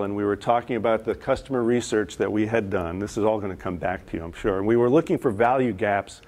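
A man's voice: lowish voice, darkish tone. A man presenting to an audience of executives. He tells stories in a conversational way and asks the room questions. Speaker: presenter and facilitator. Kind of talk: live business presentation.

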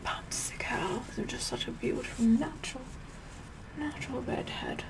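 A woman's voice: a little high, animated, moderate pace. A middle-aged woman playing a sassy, vain, condescending Queen Elizabeth the First in a whispered ASMR roleplay, repeating her words imperiously. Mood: self-satisfied. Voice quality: breathy whispering mixed with soft speech.

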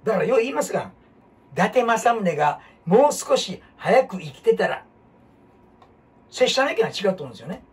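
A man with a Kansai accent, hosting a casual history talk as an animated storyteller who jumps between topics and asks rhetorical questions. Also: high voice, fairly quick, pauses often. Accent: Kansai Japanese. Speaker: host. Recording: husky voice from far off the mic.

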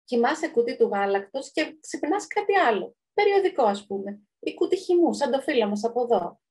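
A woman's voice: a little high, big pitch swings, darkish tone, breathy edge. A woman voicing a motherly, know-it-all tomato in a storybook reading, reassuring and knowing.

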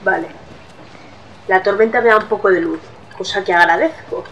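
A woman's voice: medium pitch, normal speed, gravelly, fairly bright tone, distant mic, slight background noise, rough recording. A woman with a Spain accent giving casual horror game commentary, swearing often and easily startled. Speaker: gameplay streamer.

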